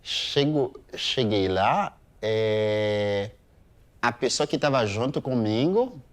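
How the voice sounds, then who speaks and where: A man in his thirties from Haiti giving a hesitant museum testimony, pausing often with fillers. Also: mid-range voice, lively intonation. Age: 30s. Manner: slow, hesitant, many pauses and fillers. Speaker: interviewee.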